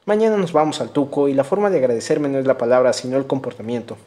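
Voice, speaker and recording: A man reading an audiobook voices a middle-aged rural landowner who is gruff but kind and talks half folksy, half stern. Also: mid-range voice, fast, mellow, lightly acted. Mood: deliberating.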